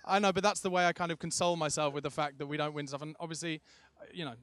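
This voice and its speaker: A young man interviewing a fellow fan outdoors in a car park by a stadium, holding a handheld mic and talking in a quick, chatty, enthusiastic way. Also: fairly high pitch, fairly even intonation, fairly bright tone. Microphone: handheld microphone.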